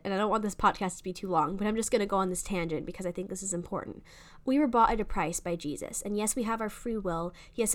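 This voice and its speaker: A young woman hosting a faith podcast, talking in a fast, excited, gushing way. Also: medium pitch. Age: young adult. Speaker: podcast host. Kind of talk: casual faith podcast monologue.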